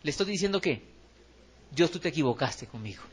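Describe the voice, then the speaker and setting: A man with a Colombian accent preaching to his church, his voice pitched a little high for a man. He talks lively and animated, acts out little quotes and keeps asking the congregation questions. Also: a little fast, slightly rough. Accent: Colombian Spanish. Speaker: pastor. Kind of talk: sermon. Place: church hall.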